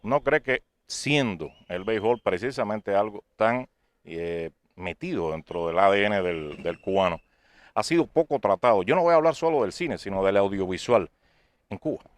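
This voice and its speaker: Male interviewer and sports narrator, lowish voice, measured questions, dry close sound. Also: expressive, dry recording.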